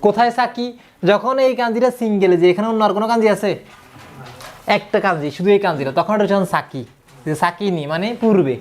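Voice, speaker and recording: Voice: medium pitch, brisk. A language teacher giving a classroom lesson, patiently explaining and counting stroke order aloud while asking students questions. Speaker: Japanese teacher.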